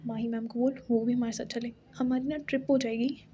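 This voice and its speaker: A woman's voice: a little high, fairly even intonation, fairly quick, mellow, a little hiss or hum, natural voice. A woman voicing a bossy, teasing young woman who pushes her friends around in a playful way. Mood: coaxing. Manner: playful, pushy.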